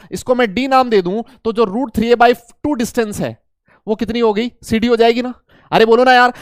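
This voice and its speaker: A man teaching chemistry to a class, animated, repeating key points and coaxing and scolding students. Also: very high voice, no echo, studio quality. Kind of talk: classroom lecture.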